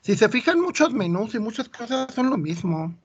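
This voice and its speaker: A man's voice: extremely high pitch, sing-song, normal speed, husky, muffled recording. A Mexican man with a Mexican Spanish accent giving an informal math lecture, chatty and full of anecdotes. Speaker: teacher.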